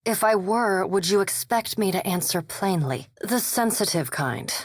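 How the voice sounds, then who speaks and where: In video game dialogue, a woman with a medium-pitched, husky voice plays a reserved vampire scholar who chooses her words with formal precision. Her delivery is animated yet measured and coolly polite, recorded close and dry with no echo or room sound.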